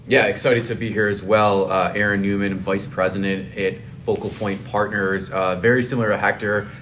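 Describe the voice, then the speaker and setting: Male professional guest, thirties, deep voice, conversational explainer, faint rumble. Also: fairly even intonation, moderate pace, fairly bright tone. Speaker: podcast guest, financial advisor.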